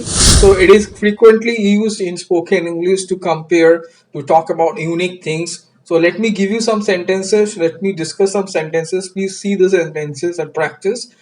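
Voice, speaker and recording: A man's voice: a little high, low-quality recording. A man teaching an English grammar lesson, explaining patiently and checking in with "right?" as he goes. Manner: patient, repeats "right?" and "crystal clear".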